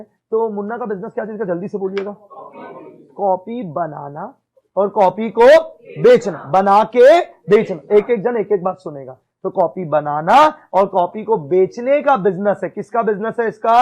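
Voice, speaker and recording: A man's voice: high voice, darkish tone, rough recording. A male accounts teacher giving a classroom lecture in mixed Hindi and English, often checking "ठीक है?" and quizzing his students.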